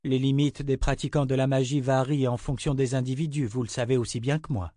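A man reading a fantasy audiobook voices a confident male companion who explains things calmly and reasonably. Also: medium pitch, fairly quick, dry recording, clean studio sound, lightly acted. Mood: reasoning.

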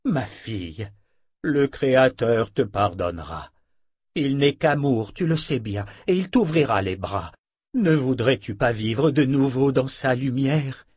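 A man voicing an older woman, a calm and measured captive abbess, in an audiobook, in a soft and low manner. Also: breathy edge, no room sound, studio quality. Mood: gentle. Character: older captive abbess, gentle yet firm.

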